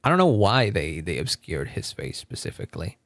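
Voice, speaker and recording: Gravelly spanish-native guy chatting on stream, bouncy up and down voice, keeps laughing and repeating himself. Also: sits low, sing-song, brisk, a bit bright, no room sound. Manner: laughs often, repeats words, reads chat. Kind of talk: casual livestream chat.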